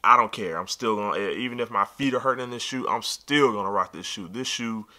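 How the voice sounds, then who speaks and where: A man in his thirties unboxing and reviewing sneakers with open excitement. His voice is bright and forward, and he speaks right to the viewer with strong opinions. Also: lowish voice, fairly quick.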